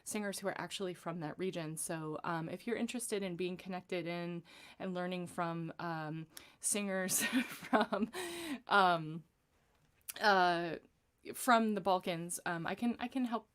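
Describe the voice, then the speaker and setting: A woman from Los Angeles leading a livestream vocal warm-up lesson as a vocal coach, chatty and encouraging with lots of ums. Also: fairly low pitch, measured pace, clear, resonant tone. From Los Angeles, USA.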